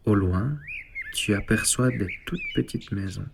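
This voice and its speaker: A man leading a guided sleep meditation and bedtime story, speaking softly and calmly. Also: on the low side, vocal fry, background noise. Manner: slow, soft, calm guiding delivery. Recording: soft ambient synth music underneath.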